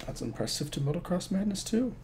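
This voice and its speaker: A man's voice: high voice, very animated, quick pace, darkish tone, slight background noise. A man in his thirties chatting casually on a live stream as a game developer, rambling and joking at his own expense. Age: 30s. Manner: joking, rambling self-mockery.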